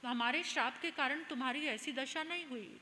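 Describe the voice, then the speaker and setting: A woman voicing a calm, wise male monk who admonishes gently in a soft, measured way. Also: high-pitched, big-room sound, a little hiss or hum, pitched above the performer's own voice.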